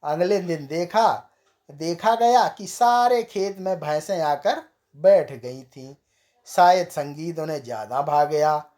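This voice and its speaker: A comic storyteller reads a village tale at a slow, unhurried pace. The pitch sits in a middle range and the telling carries small chuckles. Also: lively intonation, dark tone.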